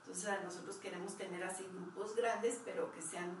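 A woman taking part in a group discussion, speaking firmly as she adds points. Her voice is mid-pitched. She is recorded from a distance in a strongly echoing room with faint noise. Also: fairly even intonation, brisk. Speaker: group member. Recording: echoey room, far from the mic.

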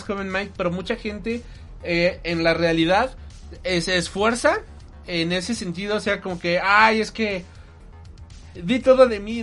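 A man, talking casually and emotionally about an anime with many fillers. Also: high-pitched. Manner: animated, emotional, filler-heavy. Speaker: anime reviewer co-host. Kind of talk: casual chat.

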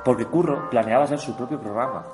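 A man's voice: mid-range voice, fast, darkish tone. Man, comedy co-host, teasing, mock-mysterious delivery, music behind. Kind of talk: comedic radio banter.

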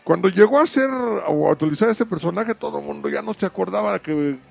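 Gravelly Mexican man co-hosting. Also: high voice, brisk, soft background music. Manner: chatty, slangy, animated. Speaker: co-host. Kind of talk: casual chat about wrestling.

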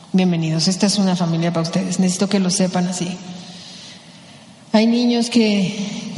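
Mexican woman motivational speaker, lively and playful, recorded in a big reverberant hall. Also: mid-range voice. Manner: animated, acts out voices in quotes. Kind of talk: motivational talk to an audience. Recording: echoey hall with long reverb.

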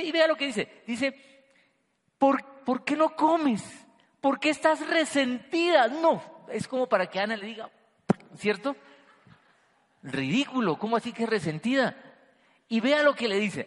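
A man preaching a sermon to a congregation, swinging between loud emphasis and quiet, hushed lines. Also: high-pitched. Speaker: pastor. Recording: long hall reverb.

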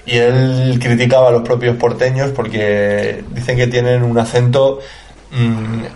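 A man's voice: mid-range voice, little pitch movement, unhurried, darkish tone. Man telling anecdotes in a roomy echo. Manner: chatty, tells anecdotes with laughter. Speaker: podcast co-host. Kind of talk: casual comedy chat.

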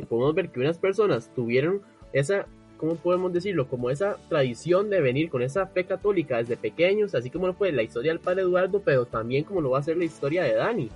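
Male co-host, higher pitch, earnest segment intros, soft music behind. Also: lively intonation, quick pace, hardly any pauses, muffled recording. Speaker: podcast co-host. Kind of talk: scripted program hosting.

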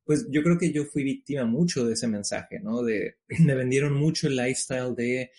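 A man's voice: medium pitch, normal speed. Frank Mexican man chatting. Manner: relaxed, frank, swears casually. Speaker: guest entrepreneur. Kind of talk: casual interview.

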